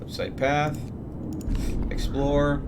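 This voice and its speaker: Speaking extremely slowly in a slightly high voice, a man streams a game live and comments casually on his play, rambling through step-by-step explanations. The recording has clear background noise.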